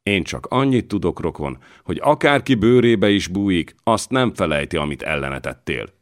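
A man voicing a gruff, hot-tempered warrior who talks in threats, in an audiobook. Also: low-pitched, lively intonation, no echo, studio quality, pitched above the performer's own voice. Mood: angry.

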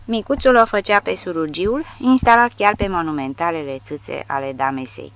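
Low-voiced woman narrating an audiobook.

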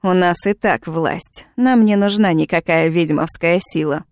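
A woman's voice: a little slow, a little mellow, no room sound, studio quality. Woman reading as a smug fanatic guy jailer, hisses and squeals when mad. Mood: pompous. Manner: pompous, hissing, shrill when angry. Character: pompous fanatic male witch-hunter jailer.

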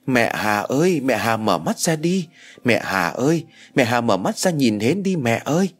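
A man's voice: mid-range voice, big pitch swings, normal speed. A man voicing a young girl who sobs while trying to wake her mother in an audio storybook. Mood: sobbing. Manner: sobbing.

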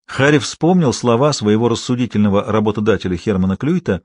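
A man reading a thriller audiobook in an even, measured storytelling manner. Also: lowish voice, dry recording, studio quality. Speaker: audiobook narrator. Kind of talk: scripted thriller narration.

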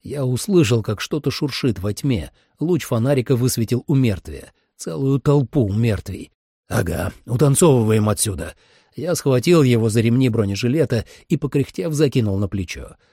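Expressive husky male audiobook narrator. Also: mid-range voice, moderate pace, few pauses, no room sound, clean studio sound. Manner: expressive, dramatic. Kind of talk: first-person audiobook narration.

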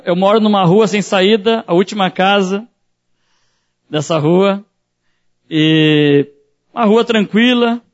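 A man's voice: high-pitched, dull audio. A man preaching as a pastor, telling a personal story in a sermon and acting out the voices in it.

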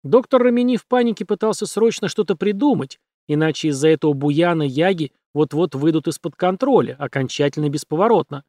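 Guy reading an audiobook, slightly higher voice, dry close mic. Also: animated, fairly quick, few pauses, a little mellow, no echo. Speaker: audiobook reader. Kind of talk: scripted narration.

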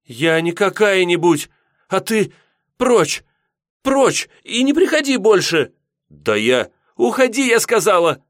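A man's voice: takes it slowly, few pauses, dry recording, studio quality. A man voicing a young village healer girl, hot-tempered and emotional. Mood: furious. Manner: shrill, emotional outbursts.

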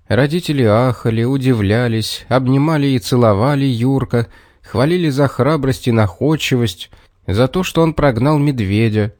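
A man's voice: mid-range voice, no room sound, clean studio sound. Man reading a children's story. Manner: measured, expressive reading. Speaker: narrator.

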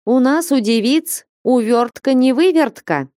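A woman voicing a bold, impatient young woman who scolds and mocks in a raised, lively voice. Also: sits high, unhurried, dry recording, studio quality, pitched above the performer's own voice. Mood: scolding. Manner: scolding, insistent, mocking.

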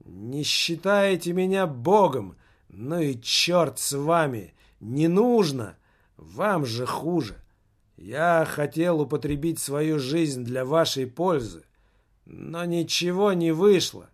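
A man's voice: fairly high pitch, lively intonation, slow. Man reading as a bitter, resigned martyr. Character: despairing man, would-be self-sacrificing martyr. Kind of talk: audiobook reading.

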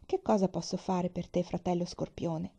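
A woman voicing a gentle, trusting toad. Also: lowish voice, steady tone, moderate pace, gravelly. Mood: cautious. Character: kind, trusting male toad from a fable.

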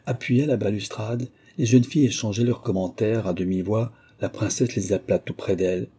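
A man narrating a classic novel as an audiobook, reading in a measured, even way. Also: fairly low pitch, husky. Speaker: audiobook reader.

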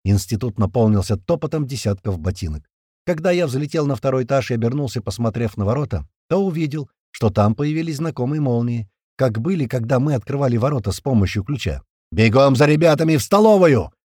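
A man giving a lively, tense first-person audiobook narration. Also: medium pitch, brisk, breathy edge, no room sound, studio quality.

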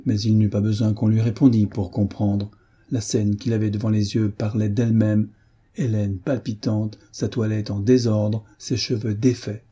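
Husky dark-voiced man reading a novel. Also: fairly low pitch, little pitch movement, normal speed. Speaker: audiobook narrator. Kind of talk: scripted narration of a novel.

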